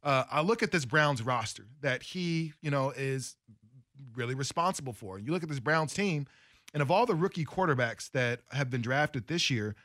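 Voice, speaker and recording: A man's voice: medium pitch, fairly bright tone, no echo, clean studio sound. A man co-hosting a sports radio show, talking through football in a rambling, chatty way with lots of fillers. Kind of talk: casual sports radio talk. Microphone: studio mic.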